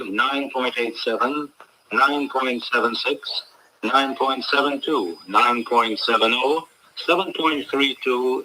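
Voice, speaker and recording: A man reading a formal radio announcement in a measured way, played from an old shortwave broadcast recording. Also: medium pitch, bright, forceful tone, a little hiss or hum, rough recording. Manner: measured, reads out a list of frequencies. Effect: old shortwave radio recording from the 1980s.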